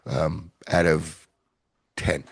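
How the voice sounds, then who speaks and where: Deep gravelly guy rambling on a podcast, dry sound. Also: little pitch movement, extremely slow, no echo. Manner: rambling, self-deprecating, chuckling. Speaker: podcast host. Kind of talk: casual podcast chat.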